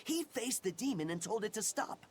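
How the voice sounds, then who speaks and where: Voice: mid-range voice, big pitch swings, normal speed, a little mellow, a little hiss or hum, lightly acted. An actor in a video game playing a frightened traveller who tells a dramatic tale of a monster. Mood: shaken. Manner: storytelling, dramatic.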